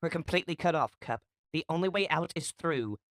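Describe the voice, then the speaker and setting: Commanding female robot warrior for a comic dub, played by a man, pitched up, lively and urgent. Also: a little fast, dry recording, clean studio sound, natural voice.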